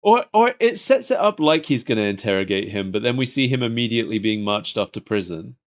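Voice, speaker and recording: A man's voice: on the low side, big pitch swings, brisk. A man co-hosting a podcast, chatting casually about cartoons like an enthusiastic fan. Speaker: podcast co-host. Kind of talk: casual chat reviewing cartoons.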